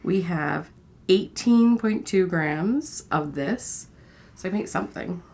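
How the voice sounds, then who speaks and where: A woman's voice: fairly low pitch, animated, slow, a little mellow. A woman in her forties co-hosting a podcast, chatting casually and playfully with frequent giggles. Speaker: podcast co-host. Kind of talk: casual chat.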